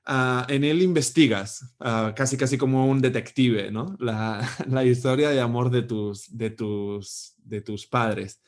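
Male host, hesitant delivery with fillers, average pitch. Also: fairly even intonation, slow pace, few pauses. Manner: hesitant, many repeated words and fillers. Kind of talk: interview.

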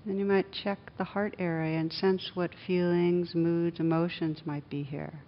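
Leading a group meditation in a room, a woman speaks in a fairly low register, giving calm instructions in soothing, measured short phrases with pauses. A rumbling noise sits clearly behind the dull lo-fi recording.

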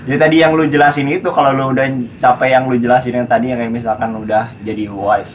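A man's voice: medium pitch, quick pace, slight background noise. A man in casual group banter, rambling and restarting his sentences. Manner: relaxed, rambling, restarts often.

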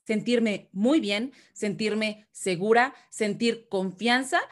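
A woman's voice: mid-range voice, slow. A woman with a Mexican Spanish accent, talking casually as a guest and explaining with questions to her listener. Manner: chatty, explains with questions and restarts. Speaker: guest speaker. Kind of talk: explanatory conversational talk.

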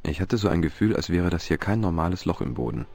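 A man's voice: sits low, animated, quick pace, creaky, a little mellow, faint music behind, heavily acted. An actor voicing a polite, wry male adventurer in a video game, dry and ironic.

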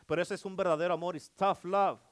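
A man's voice: sits high, steady tone, fast, clean tone. A middle-aged male pastor preaching a sermon, emphatic and repetitive, often calling for amens.

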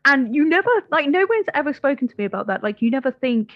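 A woman's voice: sits high, big pitch swings, fast talker, dry recording, dull audio. Chatty, sweary woman in her twenties. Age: 20s. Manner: chatty, swears freely, lots of "like" fillers. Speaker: podcast co-host. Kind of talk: casual chat.

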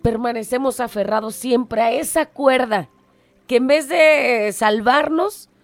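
A woman host with a higher voice tells a moral story in an earnest, dramatic way. Faint music plays beneath her. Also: a little slow, no echo. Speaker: radio host. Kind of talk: storytelling reflection.

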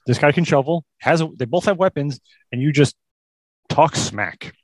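A man's voice: on the high side, animated, moderate pace, dry recording. A man co-hosting a casual movie review podcast, chatting in an easygoing, agreeable way. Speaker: podcast co-host.

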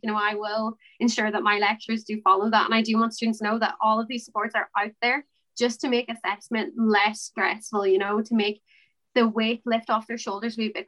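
A young Irish woman speaks earnestly in an informal interview. Her voice is bright and forceful with a fairly even pitch. She circles back on her points to stress them. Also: low-quality recording. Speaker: student election candidate.

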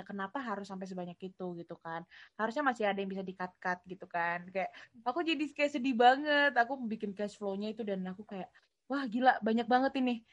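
A woman's voice: mid-range voice, pushed and bright. A young woman co-hosting a casual faith chat, talking loosely with lots of fillers and English phrases mixed in. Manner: chatty, mixes English phrases, many fillers. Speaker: podcast co-host. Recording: dull lo-fi recording.

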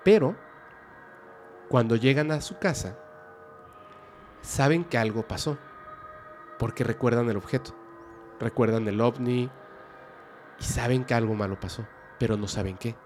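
A man telling a dramatic story in a suspenseful, lively way. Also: mid-range voice, measured pace, pauses often, faint music behind. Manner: lively, suspenseful, with sudden loud bursts.

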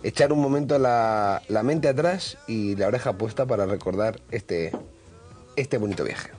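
A man's voice: on the low side, moderate pace, darkish tone, soft background music. A man hosting a radio travel show in casual studio chat, rambling and full of hesitations.

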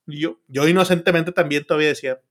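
A man with a Mexican accent spins a yarn on a podcast, swearing freely and scattering filler words through every sentence. His voice sits a little higher than most men's. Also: fairly even intonation, quick pace. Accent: Mexican Spanish. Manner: profane slangy storytelling, constant filler words. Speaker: podcast co-host. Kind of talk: casual storytelling chat.

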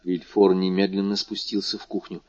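A man narrating an audiobook in a steady, even manner. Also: sits low, normal speed, no room sound. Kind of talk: audiobook reading. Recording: dull dry lo-fi recording.

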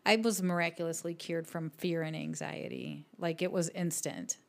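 A woman's voice: lowish voice, steady tone, normal speed. A woman co-hosting a podcast, chatting casually about faith and quoting scripture with easy laughs. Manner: warm storytelling, laughs easily, quotes scripture. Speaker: podcast co-host.

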